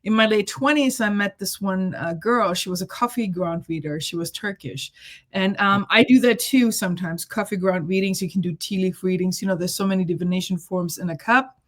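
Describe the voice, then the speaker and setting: This guest, an intuitive reader and healer raised in Germany, is a middle-aged woman with a medium-pitched voice and a fairly quick pace. She shares her story casually and chattily, with frequent laughter and plenty of fillers.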